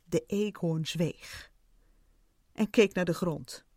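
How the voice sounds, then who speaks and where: Slow expressive woman reading a story. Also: on the low side, no echo, studio quality. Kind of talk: storybook narration.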